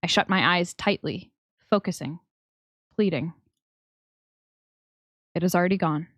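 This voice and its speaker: A young woman streamer reading a story game aloud with slow, expressive narration. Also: lowish voice, no echo.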